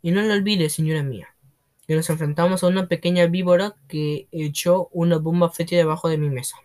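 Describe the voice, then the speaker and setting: A man's voice: a little high, fairly even intonation, fairly quick, darkish tone, lightly acted. A man voicing a domineering, scornful headmistress who roars and bullies in a storybook reading. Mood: scornful, bullying. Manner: roaring, contemptuous, bossy. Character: bullying domineering female headmistress, booming and scornful.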